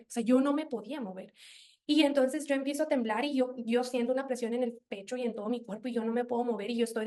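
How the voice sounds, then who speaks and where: A young woman giving an earnest, animated personal faith testimony, often quoting her own past words. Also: on the high side.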